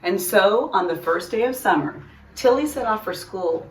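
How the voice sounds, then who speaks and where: Female storytime reader, very lively intonation, emphatic, mid pitch, roomy and slightly distant mic. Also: moderate pace. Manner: animated, emphatic. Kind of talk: expressive read-aloud of a children's story. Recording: roomy echo, distant microphone.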